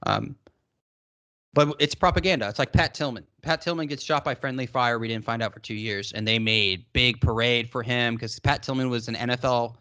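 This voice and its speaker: A man's voice: medium pitch, brisk, hardly any pauses, pushed and bright. Emphatic rambling man from Massachusetts. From Massachusetts, United States. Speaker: podcast co-host. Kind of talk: casual podcast discussion.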